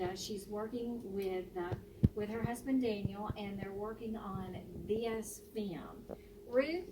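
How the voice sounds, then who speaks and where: A woman from the American South hosting a casual radio interview, chatty and joking. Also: medium pitch. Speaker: radio host. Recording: distant mic, noisy.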